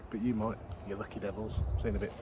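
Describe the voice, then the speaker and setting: A man's voice: on the low side, flat delivery, rapid-fire. A man in his thirties vlogging casually from an outdoor allotment garden, rambling and joking at himself with plenty of ums. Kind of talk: casual self-deprecating vlog. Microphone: phone camera held close. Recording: outdoor noise behind the voice.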